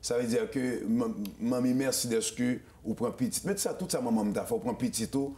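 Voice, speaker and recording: A man from Haiti, hosting a casual interview, talking in an animated way with frequent stammered restarts. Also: medium pitch, brisk, roomy sound. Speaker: show host.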